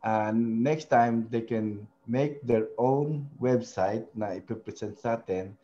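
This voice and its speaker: A man leads a relaxed screen-share tutorial, pausing often and checking in with tag questions. His voice is mellow and dark. The audio is dull and lo-fi. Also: medium pitch, slight background noise. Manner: hesitant, many fillers, frequent tag questions. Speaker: web design tutorial host. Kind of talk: casual screen-share tutorial in mixed Tagalog and English.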